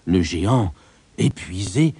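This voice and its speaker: Mellow, expressive male storyteller. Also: low-pitched, takes it slowly, husky, dry recording. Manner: expressive, lilting telling. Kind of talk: storybook narration.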